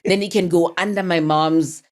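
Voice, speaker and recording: A South African woman co-hosting a podcast in casual chat, expressive and playful, who slips local words into her talk. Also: on the low side, moderate pace. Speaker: podcast co-host.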